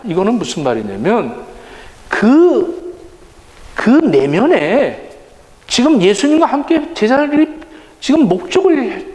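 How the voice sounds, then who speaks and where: A pastor giving a sermon with animated delivery, addressing the congregation directly and acting out the voices he quotes. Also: very high voice. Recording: echoey church hall with long reverb.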